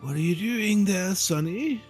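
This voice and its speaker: Guy doing a very old lady for a tabletop game, slow n cryptic, kinda nosy, higher pitch, faint music. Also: a little mellow, slightly rough. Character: very old woman in mossy robes, cryptic and nosy.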